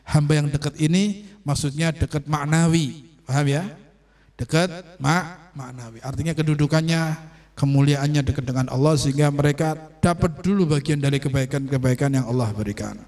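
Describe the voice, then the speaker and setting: Man giving a sermon, higher voice. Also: darkish tone. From Indonesia. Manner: explains slowly, asks "understand?" often, acts out quoted voices. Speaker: religious teacher. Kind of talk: online sermon on Sufi teaching.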